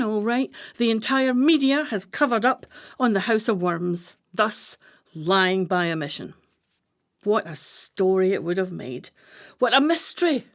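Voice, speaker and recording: In a radio play, an actress with a voice on the high side portrays a brisk-minded, commanding woman plotter. Her delivery is deliberate and declamatory.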